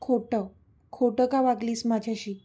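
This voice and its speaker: Voiced by a woman, a stubborn young lover speaks in a storybook tale, teasing and insistent. His voice sounds mellow and a little husky. He pushes for answers and won't let the matter drop. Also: a little high, steady tone, unhurried.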